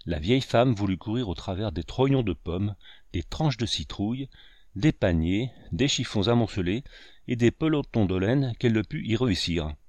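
A man reading a novel aloud in scripted narration, measured and steady. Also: lowish voice, dry recording. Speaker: audiobook reader.

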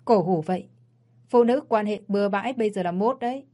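A woman's voice: mid-range voice, brisk, dark tone, close to an everyday voice. A woman voicing a cold, cocky rich man in glasses, mocking and domineering, in a read-aloud story.

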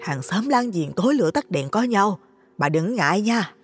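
Storybook role: man doing a loud, friendly village neighbor woman, high and bright, with a long reverb. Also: animated, moderate pace, soft background music. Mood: concerned. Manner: loud, chatty falsetto.

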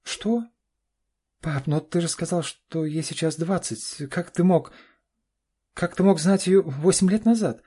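An anxious, insistent young daughter, voiced by a man reading an audiobook. He lifts his dark, husky voice well above its usual pitch and keeps her pleading and pushy. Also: animated, moderate pace. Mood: incredulous. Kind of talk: audiobook character voice.

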